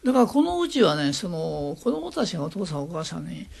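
A man's voice: a little high, fairly quick, vocal fry, breathy edge. An older man with an Osaka accent, reminiscing as an interview guest and acting out the voices in his stories. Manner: animated storyteller acting out quoted voices.

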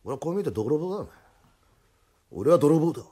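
Guy putting on a rowdy burglar, twang, husky, shouty, jumps all over in pitch. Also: animated, brisk. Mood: boasting loudly. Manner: loud, blustering, coarse. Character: rough blustering male burglar, easily flustered. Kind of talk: comic storytelling.

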